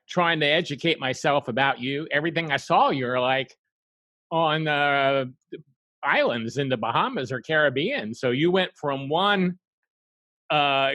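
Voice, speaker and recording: Rambling, animated male podcast host. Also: fairly high pitch, moderate pace, no echo. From South Carolina, US. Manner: animated and rambling, lots of "you know" asides. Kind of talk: casual interview chat.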